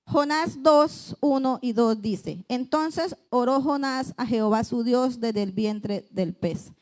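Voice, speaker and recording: A woman's voice: on the high side, takes it slowly. A woman preaching a conversational church sermon, earnest, often voicing pleading prayers aloud. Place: church service.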